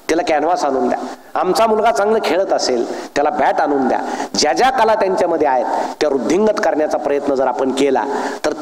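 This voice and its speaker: High-voiced man joking to a hall. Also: darkish tone. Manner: storytelling with jokes, acts out dialogue. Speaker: public speaker. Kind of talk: humorous motivational speech to an audience. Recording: echoey hall with long reverb.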